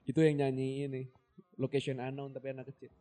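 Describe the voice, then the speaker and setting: Young guy cracking puns, mellow dark voice, faint guitar under it. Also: medium pitch, monotone. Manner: bantering, quick puns, frequent laughter. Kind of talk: casual joking wordplay chat.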